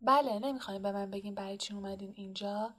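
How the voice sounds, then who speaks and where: A woman's voice: medium pitch, fairly even intonation, fairly bright tone, lightly acted. McGonagall, a woman voicing a stern older witch. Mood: protesting. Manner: earnest, pressing questions. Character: stern older female witch professor, anxious. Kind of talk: audiobook character reading.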